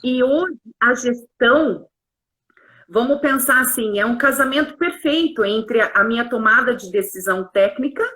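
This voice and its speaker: A woman's voice: on the high side, moderate pace, bright, forceful tone. A woman, a pharmacist and consultant, explaining her work earnestly in a live-stream conversation. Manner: earnest, explanatory, uses tag questions. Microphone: online live stream.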